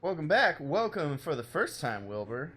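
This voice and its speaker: A young man chatting casually through a game stream, rambling and excitable, exclaiming at the game as he plays at home. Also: a little high, moderate pace. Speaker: let's play streamer. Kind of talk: casual gameplay commentary. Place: home room.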